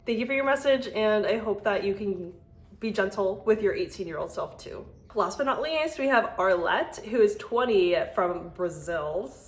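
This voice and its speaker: Reading listener messages in a casual chat to camera, a young American woman in her early adult years keeps dropping "like" into her informal talk. She speaks at a moderate pace with medium pitch and lively intonation, and the sound is roomy.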